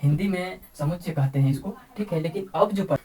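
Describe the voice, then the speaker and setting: A woman teaching a math lesson, explaining slowly and repeating key terms over and over. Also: fairly low pitch, dark tone, rough recording. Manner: repeats words and says "ठीक है" often, slow deliberate explaining. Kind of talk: classroom-style math lesson.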